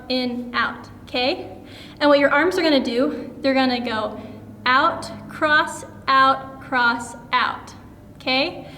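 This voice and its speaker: A young woman with a high, bright voice leads a children's dance class, explaining steps in an encouraging, upbeat way. Her voice rings with a long reverb, as if she is in a big, echoey room. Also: a little hiss or hum. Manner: upbeat, encouraging, counts and demonstrates moves. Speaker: dance teacher. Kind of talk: kids' dance lesson.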